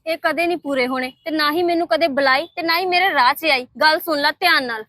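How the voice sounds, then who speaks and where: A woman plays a stern young nurse with a very high, bright voice and a Punjabi accent. She answers curtly and dismissively. The sound is dry. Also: quick pace, no room sound. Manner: curt, dismissive.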